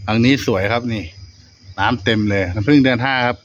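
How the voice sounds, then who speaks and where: A man's voice: medium pitch, fast talker, muffled recording. A man chatting casually to camera as he presents and asks questions. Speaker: vlogger presenting honey and interviewing an elder. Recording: noisy outdoor ambient sound.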